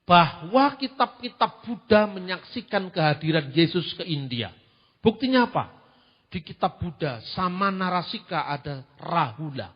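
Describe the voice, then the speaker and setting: High-voiced preacher man, echoing hall. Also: a little slow, breathy edge. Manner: animated, rhetorical questions. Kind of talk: sermon-style teaching. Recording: dull lo-fi recording in a reverberant hall.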